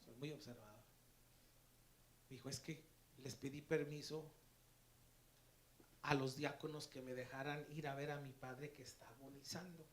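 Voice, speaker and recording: A man preaching a sermon as pastor, telling stories and moving from hushed asides to loud, excited preaching in a church. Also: mid-range voice, normal speed, long pauses. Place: church sanctuary.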